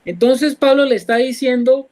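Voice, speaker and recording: A Colombian man with a notably high voice leads a church Bible study. He explains each verse patiently and keeps putting questions to his listeners. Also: normal speed, a little mellow, low-quality recording. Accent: Colombian Spanish. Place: church, class also joined online.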